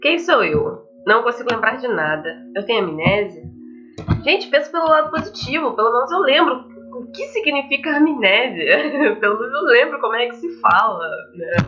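This let's play host, a young adult woman with a Brazilian accent, talks at a moderate pace in a pushed, bright, slightly high voice with lively intonation. She's chatty, addressing viewers with frequent tag questions while reading out game text. Her mic is slightly dull, with faint game music behind it.

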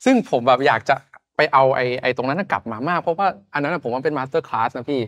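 A man's voice: medium pitch, expressive, fast, a bit bright, no echo. A man from Thailand in his thirties, a podcast guest chatting casually in loose, slangy talk. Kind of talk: casual chat.

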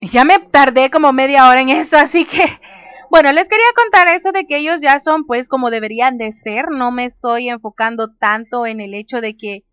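A woman's voice: high-pitched, brisk, a bit bright, smooth, no room sound. A woman casually commenting on a life-sim game, reading menu options aloud and laughing often. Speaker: gaming youtuber. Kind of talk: casual let's play commentary.

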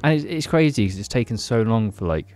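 This podcast co-host, a man in his twenties, talks fast in a lowish, expressive, slightly mellow voice. He sounds whiskey-drunk, chatting casually, rambling, and circling back to the same phrases, recorded on a boom-arm podcast mic in a small padded attic.

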